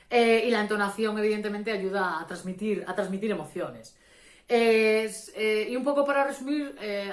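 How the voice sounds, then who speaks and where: A woman with a Spanish accent talks through a theatre lesson in a loose, unscripted way. She hesitates often, restarts her phrases and fills gaps with "eh". Her voice sits at a middle pitch, and the room around her is roomy and echoey. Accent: Spanish from Spain. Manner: hesitant, many fillers and restarts, explanatory. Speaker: theatre workshop instructor. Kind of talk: informal spoken lesson.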